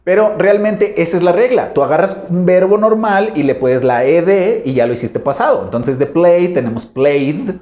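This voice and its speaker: A man explains English grammar in a patient, step-by-step way, slowing down and stretching example words so learners can hear the endings. His voice sits a little high but sounds soft and mellow. It comes through a dull, lo-fi recording in an echoey room. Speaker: English teacher. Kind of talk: explanatory online lesson. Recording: roomy echo, dull lo-fi sound.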